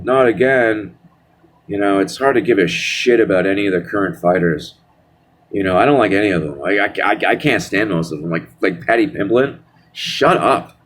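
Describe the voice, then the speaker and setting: Lowish voiced young guy ranting on his vlog, sarcastic, rambly, keeps restarting. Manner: mocking singsong asides. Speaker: vlogger. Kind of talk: casual ranting monologue.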